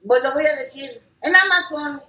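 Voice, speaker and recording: Bright, high woman in an echoey room. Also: normal speed, recorded from a distance. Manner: chatty, playful, shows things off. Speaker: gossip show co-host. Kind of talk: casual showbiz gossip chat. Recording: echoey room, set back from the mic.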